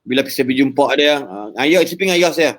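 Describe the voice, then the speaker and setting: A man giving a lively religious talk over a live call, joking in English and chanting recitations. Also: medium pitch, fairly quick. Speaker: preacher.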